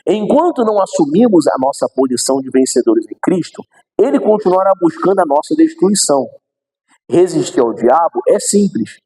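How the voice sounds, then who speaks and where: Male pastor, lively sermon delivery, mellow husky tone. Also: fairly high pitch, moderate pace, poor audio. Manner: animated, acts out quoted voices, asks the audience questions. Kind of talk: sermon teaching.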